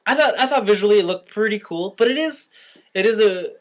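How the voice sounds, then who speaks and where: A man hosts a casual movie review podcast, offering opinions and often rewording himself mid-thought. His voice sits high and is expressive and brisk.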